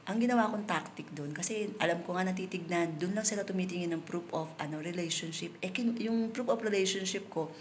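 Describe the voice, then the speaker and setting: A woman from the Philippines talks into her phone while live-streaming outdoors. Her voice sits a little low, and she is chatty and openly emotional with her viewers. A faint background hiss runs under her speech. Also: fairly quick, few pauses. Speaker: livestreamer. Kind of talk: casual live-stream chat.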